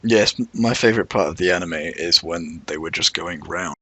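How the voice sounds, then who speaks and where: A man's voice: low voice, moderate pace, music in the background. A man with whistling S sounds, giving a rambling, self-deprecating, unscripted narration as a game developer.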